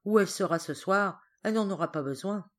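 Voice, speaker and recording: A woman's voice: medium pitch, a little fast, close to an everyday voice. A woman doing a brusque old spinster sister. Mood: grim. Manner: brusque, commanding. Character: stern, forceful elderly spinster sister.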